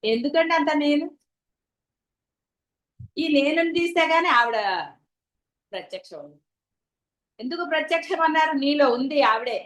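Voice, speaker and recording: Woman spiritual teacher, Telugu accent, high voice, questioning devotional lecture. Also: lively intonation, normal speed, pauses often, a bit bright, low-quality recording. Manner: rhetorical questions to listeners. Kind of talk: devotional discourse.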